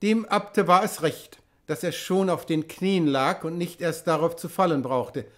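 A man narrating a literary novel as an audiobook in a measured, deliberate way. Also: fairly high pitch, a bit bright. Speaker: audiobook reader.

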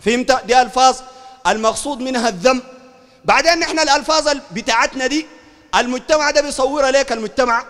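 A man's voice: very high voice, fast, a bit bright. A Sudanese sheikh with a Sudanese Arabic accent giving a heated polemical religious lecture, fiery, raising his voice and asking listeners again and again whether they understand. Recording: long hall reverb.

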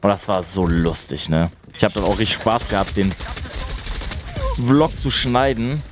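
Casually chatting while gaming, this Berlin streamer is a young man with a fairly low, expressive, unhurried voice. He rambles enthusiastically between moves in a small home room at his gaming setup, wearing headphones and speaking into a boom-arm studio mic, with a noisy background.

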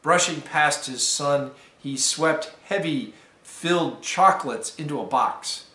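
A deacon reads a fable to students at a slow, careful pace. His voice is a touch high for a man and rings out in a roomy, echoey space. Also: bright, forceful tone. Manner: careful, measured storytelling. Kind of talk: reading a fable aloud to students. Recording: roomy echo.

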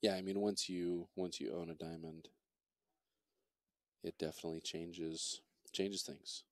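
A man giving relaxed, chatty commentary on a pool match, reading out viewer comments as he goes. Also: deep voice, unhurried, no room sound. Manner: easygoing, chatty, reads viewer chat aloud. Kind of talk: relaxed live play-by-play commentary.

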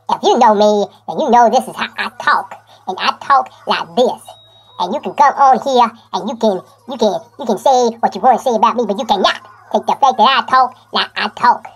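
Woman, vlogger, husky, a little high, defiant, repetitive, talking to camera. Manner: insistent, repetitive, talks straight at the viewer. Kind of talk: defiant spoken statement to camera.

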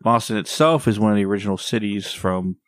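A man's voice: lowish voice, fast, no echo. Man, 30s, podcast co-host, easygoing and loose-tongued, dry close mic. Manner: laid-back, swears casually, trails off. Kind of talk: casual podcast chat.

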